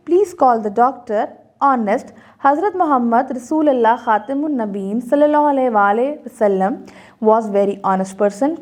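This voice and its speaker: A woman's voice: fairly high pitch, darkish tone. A woman teaching English in a recorded video lesson, walking methodically through textbook exercises item by item. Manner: methodical, walks through answers item by item in Urdu mixed with English.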